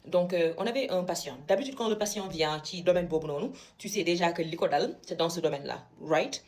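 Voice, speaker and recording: A woman's voice: on the low side, brisk. A young woman from Senegal, a medical student, telling a story casually and with indignation, switching between French and Wolof. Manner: animated, indignant retelling.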